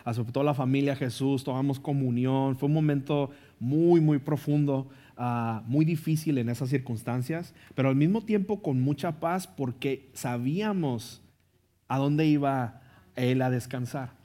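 A man with a Mexican accent preaching a sermon as a pastor. He tells a personal story conversationally, tagging his lines with quick questions, then makes an earnest, pleading call to faith. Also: mid-range voice, warm tone. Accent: Mexican Spanish. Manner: conversational, tags lines with ¿no? and ¿verdad?.

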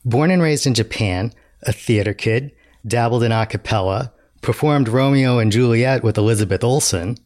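A man's voice: medium pitch, normal speed, darkish tone, dry recording. A man hosting a podcast with scripted narration, recorded dry and close. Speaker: podcast host.

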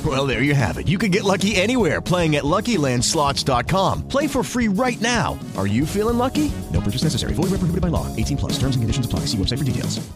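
Peppy ad read: a woman as a quick casino-spot announcer, low-ish voice, over loud jingle music. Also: big pitch swings. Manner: bright, salesy, rattles off disclaimers. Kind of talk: upbeat radio commercial read.

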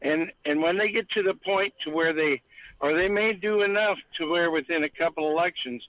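A male caller on a tinny phone line who rambles on with emphasis and restarts his sentences as he goes. His voice sits a little high for a man, and it sounds dry and narrow. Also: normal speed, dry recording. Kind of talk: call-in political rant.

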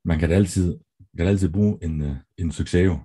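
A Danish man co-hosting a podcast in casual chat, upbeat and lively, egging on his co-host. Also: low-pitched, husky.

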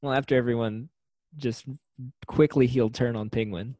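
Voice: medium pitch, steady tone, moderate pace, mellow, no room sound, studio quality. A podcast co-host in casual chat, playful and laughing often, mimicking others.

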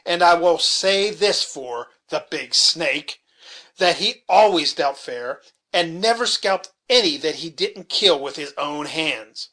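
A man's voice: on the high side, animated, slow, pushed and bright, heavily acted. A man voicing a garrulous old frontier hunter who rambles through memories in a folksy rustic dialect, in an audiobook reading. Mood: reminiscing.

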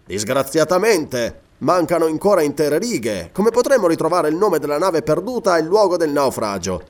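A man's voice: a little high, sing-song, normal speed, pitched above the performer's own voice. A man voicing a skeptical, grumbling older army major in a read-aloud novel. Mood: doubtful. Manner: doubtful, questioning.

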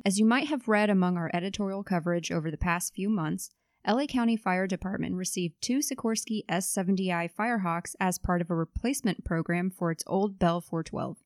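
A woman hosting a podcast, reading a scripted introduction in a clear, measured way and asking interview questions. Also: mid-range voice, no room sound, studio quality. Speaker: podcast host and editor.

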